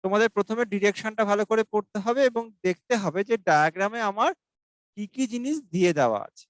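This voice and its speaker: A male mathematics teacher giving an exam-prep lesson, explaining each step slowly and reading questions aloud. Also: high-pitched, lively intonation, smooth, no room sound, poor audio. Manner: asks students for doubts.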